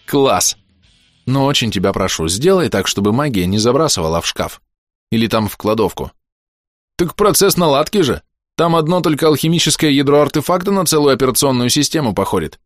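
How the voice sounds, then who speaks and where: A man's voice: medium pitch, dry recording, faint music behind, pitched above the performer's own voice, close to an everyday voice. Here is an eager young crafter guy, as the narrator puts him on in an audiobook, bubbling over and full of slang. His voice jumps up and down. The read is dry and close. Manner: excited, slangy and fast. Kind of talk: audiobook character voice.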